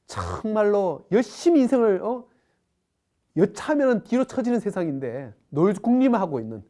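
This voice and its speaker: A woman's voice: medium pitch, dark tone. A middle-aged woman giving a parenting lecture, acting out the people she describes as she talks.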